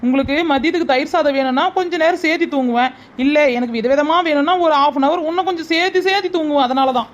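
A woman playing a defiant young daughter-in-law who talks back quickly. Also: sits high, highs cut off, natural voice.

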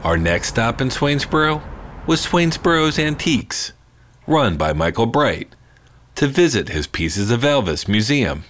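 A man narrating a road-trip documentary as its host, telling the story in a plain, steady way. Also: medium pitch, a little slow. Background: loud music.

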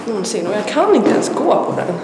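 A woman's voice: medium pitch, big pitch swings, heavy background noise. A young adult woman with a stuffy nose, rambling in a casual vlog chat with lots of fillers. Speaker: vlogger.

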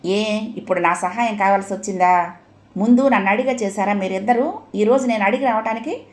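A woman's voice: medium pitch, fairly quick, natural voice. Brief: woman doing an irritable, sarcastic middle-aged father for an audio story. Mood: scolding. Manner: sarcastic, scolding.

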